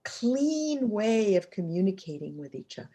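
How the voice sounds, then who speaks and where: A woman's voice: medium pitch, sing-song, moderate pace, warm tone. An older woman telling a story as a guest speaker in a fireside chat. She restarts and repeats words as she goes.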